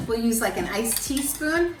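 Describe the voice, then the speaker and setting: A woman's voice: on the high side, animated, moderate pace, very noisy. A woman hosting a casual cooking show, explaining each step in a kitchen. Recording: echoey room, mic far off, background music.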